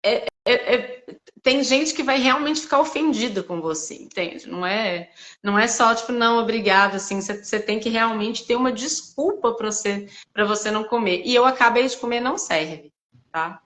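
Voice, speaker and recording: A woman's voice: fairly high pitch, normal speed, fairly bright tone. A woman from Belo Horizonte with a Mineiro Brazilian Portuguese accent, chatting casually and animatedly as host of a live stream, laughing often.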